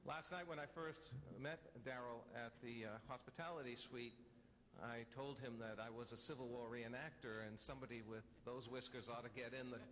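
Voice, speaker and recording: A man moderating an academic panel, introducing the speakers with dry, wry humor and a measured delivery, then starting his own talk. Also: mid-range voice, steady tone, a bit bright. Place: conference room. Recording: reverberant hall, faint ambient noise.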